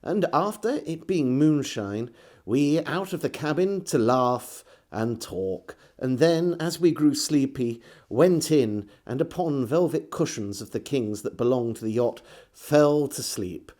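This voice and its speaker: In a mid-range, animated and slightly mellow voice, an English storyteller and host introduces an old diary and narrates it, his scripted delivery measured and theatrical.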